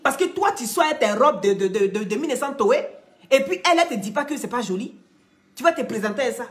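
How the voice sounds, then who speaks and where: A woman's voice: a little high, lively intonation, fast. A woman giving scolding, mocking gossip commentary, speaking straight to the people she criticizes. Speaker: online commentator.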